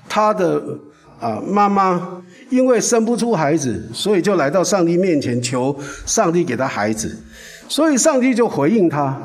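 Male pastor, animated storyteller, fairly high voice. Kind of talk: sermon.

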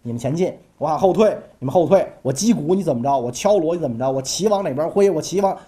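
A woman's voice: low-pitched, animated, fast, warm tone. Woman playing Sun Wu, stern old general. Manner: offhand modesty turning to stern commands. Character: male ancient general, calm, confident, strict.

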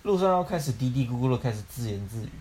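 Young guy reading a bedtime fairy tale, jokey, swears a lot, mid pitch. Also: lively intonation, fast talker, dark tone. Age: young adult. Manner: loose and jokey, swears and breaks off to comment. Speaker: storyteller, podcast co-host. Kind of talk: casual bedtime storytelling with jokey asides.

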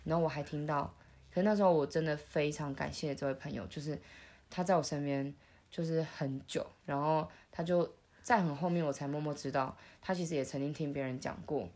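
A young woman, recalling her past in a soft, halting way, with many restarts, as she hosts a podcast. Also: sits low, steady tone. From Taiwan. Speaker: podcast host. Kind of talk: intimate conversational storytelling.

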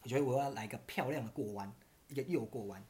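A man with a Taiwanese Mandarin accent tells a story on a casual podcast. His pitch sits in the middle, and he rambles loosely. He stumbles over restarts and keeps laughing at his own tale. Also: quick pace, warm tone. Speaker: podcast host.

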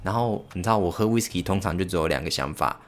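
A young man with a Taiwanese Mandarin accent, hosting a casual solo podcast and telling stories in a halting way, with many fillers and restarts. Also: low-pitched, lively intonation. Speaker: podcast host.

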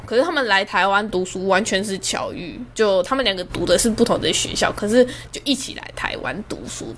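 A woman's voice: medium pitch, a little hiss or hum. A young woman, hosting a podcast and telling a story in a chatty, self-amused way. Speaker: podcast host. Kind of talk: casual storytelling monologue.

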